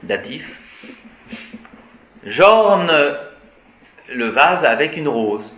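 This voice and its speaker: A man's voice: on the high side, big pitch swings, very slow. A man teaching Latin to a class, reciting declensions in a sing-song and wandering into playful asides. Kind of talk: classroom lecture. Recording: dull, echoey room with faint noise.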